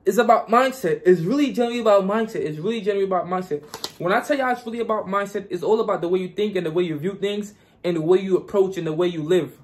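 A man's voice: high-pitched, fast, darkish tone. A young man from Guyana vlogging casually and giving hyped, repetitive motivational advice.

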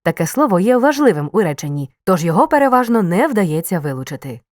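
A woman reading a scripted grammar lesson, explaining clearly and stressing key words. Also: on the low side, big pitch swings, fast talker, a little mellow, no room sound, studio quality. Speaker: teacher.

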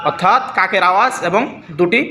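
A man's voice: sits high, a little fast, roomy sound, heavy background noise. A man teaching Arabic grammar in a classroom lesson, repeating points, mimicking sounds and checking that his students follow. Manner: repetitive, checks students' understanding.

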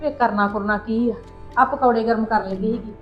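Scolding high-voiced woman. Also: steady tone, normal speed, highs cut off, faint music behind. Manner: scolding, complaining, sharp-tongued. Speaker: actor playing a quarrelsome mother-in-law. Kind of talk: Punjabi family web drama acting.

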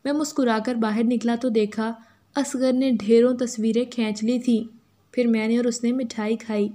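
A woman with an Urdu accent reading a first-person story as a steady, even narrator. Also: on the high side, moderate pace.

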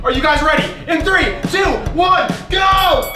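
A young man hosting a challenge video, teasing his brothers and shouting countdowns with lots of energy. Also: very high voice, unhurried. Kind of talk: loud excited challenge banter. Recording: echoey room with music behind.

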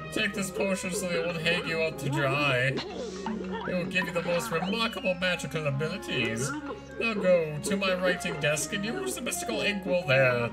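A man's voice: sits high, pitched above the performer's own voice. A man voicing a wise, fretful old kettle grandfather, with his voice muffled by speaking into a cup. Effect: voice muffled by talking into a cup. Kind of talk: reading a game's story text aloud in a character voice.

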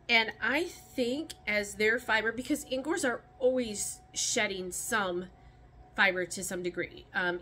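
Bright-voiced woman rambling outdoors. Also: medium pitch, slight background noise. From Michigan. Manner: rambling, many ums and restarts. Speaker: rabbit keeper vlogger. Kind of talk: casual talk while handling rabbits. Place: outdoors by a rabbit colony pen.

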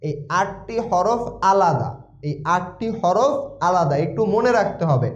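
A man teaching Quran reading, chanting each letter sound over and over in a slow sing-song. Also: high voice, big pitch swings. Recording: echoey room, slightly dull sound.

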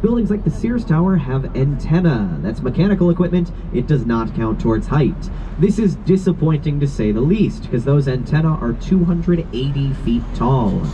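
Outdoors on an open river boat among tall buildings, a man with a somewhat high voice gives a scripted, joke-filled guided tour at a moderate pace. He shares facts with wry, deadpan jokes and punchy timing. The recording sounds dull and lo-fi, with loud city and boat noise.

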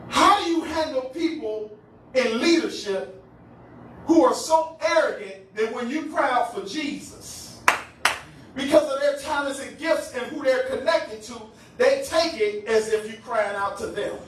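A man preaching a lively sermon as pastor, calling on his congregation, often laughing and breaking into shouts. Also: very high voice, unhurried, slight background noise. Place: church sanctuary. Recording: echoey hall, voice from far off.

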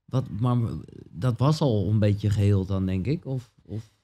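A man's voice: lowish voice, unhurried, warm tone. A man hosting a podcast interview, asking questions in a casual way and often chiming in with short affirmations. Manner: supportive, frequent short affirmations. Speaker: podcast host.

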